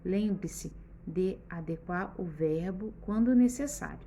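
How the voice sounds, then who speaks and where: A woman teacher giving a patient, step-by-step lesson for children, often pausing to check that they follow along. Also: fairly low pitch, mellow, a little hiss or hum. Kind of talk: remote schoolbook lesson for children.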